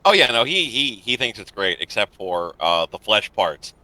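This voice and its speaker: A man chats casually about games on a livestream panel. His voice is bright and lively, with very little room sound, and his manner is wry and sweary. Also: on the low side, normal speed, no echo, poor audio. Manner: wry, profane. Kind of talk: casual gaming chat.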